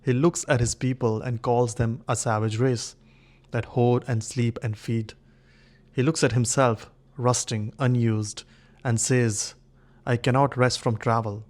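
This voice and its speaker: A man giving an earnest scripted narration in a brisk, storytelling manner with clipped pauses. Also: mid-range voice, flat delivery. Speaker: video essay narrator.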